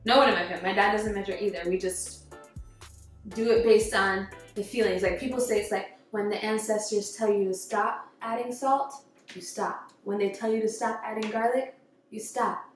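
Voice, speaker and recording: A woman's voice: mid-range voice, fairly even intonation, normal speed, roomy sound, faint music behind. A young woman from Jamaica, chatting casually and jokingly as she hosts her cooking vlog. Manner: bubbly, jokey, laughs often. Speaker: cooking vlogger.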